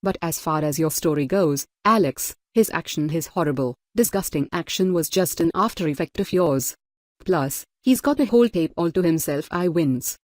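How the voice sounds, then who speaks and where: A woman narrating a novel in first person, measured and steady. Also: deep voice, no room sound, studio quality. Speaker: audiobook narrator. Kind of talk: scripted audiobook narration.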